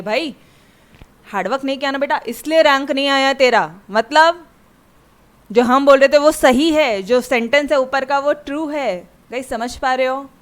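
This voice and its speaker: A woman's voice: high-pitched, fairly bright tone. A woman maths teacher giving a chatty classroom lecture that mixes Hindi and English and keeps checking in with her students.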